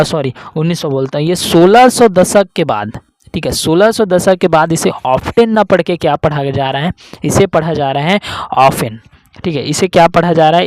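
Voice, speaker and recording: A man's voice: fairly high pitch, darkish tone, no echo. A man teaching an exam-prep reasoning class. He asks questions and answers them himself, sometimes speaking as his students. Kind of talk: online exam-prep lesson.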